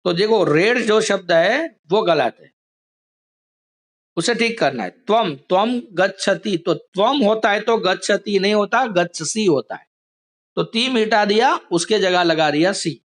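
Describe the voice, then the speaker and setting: A male teacher with a fairly high voice talks slowly through a lesson. His manner is patient, and he explains each step carefully for students on a video call. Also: lively intonation. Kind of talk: online class lesson.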